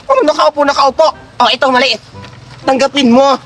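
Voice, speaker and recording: A woman voicing a bossy older woman who scolds children loudly and hands out Christmas gifts. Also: high voice, normal speed, close to an everyday voice. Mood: scolding. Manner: scolding, loud, blunt. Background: background music.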